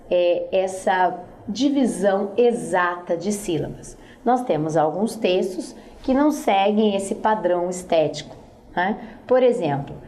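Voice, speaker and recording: A woman's voice: mid-range voice, a little mellow. A woman teacher explaining poetry scansion in a recorded lesson, speaking straight to the student and often checking in with short tag questions.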